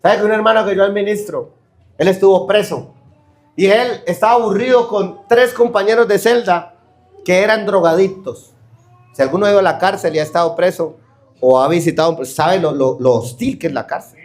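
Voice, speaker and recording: A man's voice: high-pitched, fairly quick, darkish tone. A man preaching a sermon as a pastor, emphatic, questioning the congregation and acting out the excuses of others. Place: church hall. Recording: echoey church hall.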